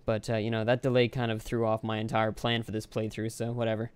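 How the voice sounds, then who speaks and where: A man's voice: fairly low pitch, monotone, fast, clean tone. A young man giving rambling, offhand, casual commentary over his own gameplay. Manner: rambling, offhand, self-deprecating. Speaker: Let's Play commentator.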